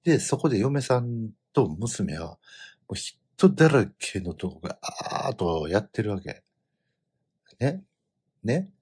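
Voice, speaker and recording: A middle-aged man with a Kansai accent tells a rambling family story in a casual way. His voice is low and a little husky, and his pitch swings widely as he gets animated. Now and then he bursts out loudly. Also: slow pace. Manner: animated storytelling, bursts into loud quoted outbursts. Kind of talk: casual chat.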